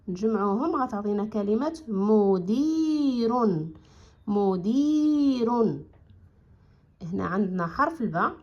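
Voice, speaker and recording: Moroccan lady teacher sounding out letters for kids, stretches words slow then talks quick, a bit dull lo-fi audio. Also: mid-range voice, husky. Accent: Moroccan Arabic. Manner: slow, drawn-out syllables when modelling words, quicker when explaining. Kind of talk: reading lesson for children.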